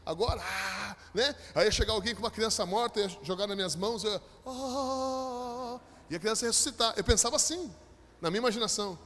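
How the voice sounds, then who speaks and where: Brazilian pastor guy preaching, high voice, big dramatic swings, echoey church hall. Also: very fast. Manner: dramatic storytelling, voice rising to loud high peaks. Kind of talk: sermon storytelling. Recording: long echo of a church hall.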